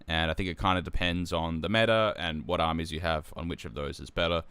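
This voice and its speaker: A young man hosting a live stream as tournament organizer, chatting casually and relaxed, with lots of ums and restarts. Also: sits low, fairly quick, clean tone, dry recording. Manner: relaxed, with frequent fillers and restarts.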